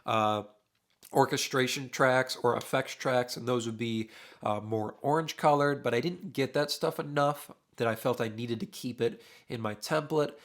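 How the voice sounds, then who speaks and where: This casual screen-recorded tutorial features a young mixing engineer in his home studio, drums behind him, speaking at a moderate pace with a medium pitch. He's losing his voice, so it comes across a bit worn. He works in a relaxed manner, thinking aloud with frequent uhs.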